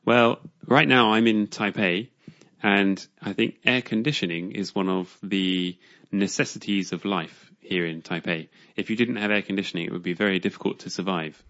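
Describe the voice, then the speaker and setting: Guest voice: man, lowish pitch, easygoing chatty delivery, slightly muffled sound. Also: fairly even intonation, moderate pace, a bit bright. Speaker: guest learner. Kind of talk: casual chat.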